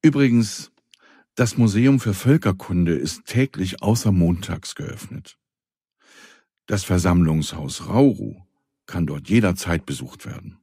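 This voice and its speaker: Calm storyteller for kids, deep and mellow voice. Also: male voice, measured pace, husky, dry recording, studio quality. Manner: calm, addresses the listener. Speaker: narrator. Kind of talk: children's story reading.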